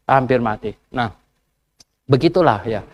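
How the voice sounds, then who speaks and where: A male pastor telling a sermon story in a casual, animated way, chuckling and asking the congregation questions. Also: mid-range voice, measured pace. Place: church service.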